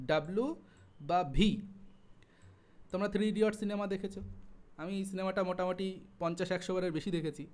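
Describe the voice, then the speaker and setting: A young man with a high voice and a West Bengal Bengali accent leads an online exam-prep lesson. He talks in a chatty way, spells sounds out slowly, and drifts into asides. He is close to a single mic. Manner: chatty teacher, asides and everyday examples, drawn-out spelling of sounds. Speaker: Sanskrit exam tutor.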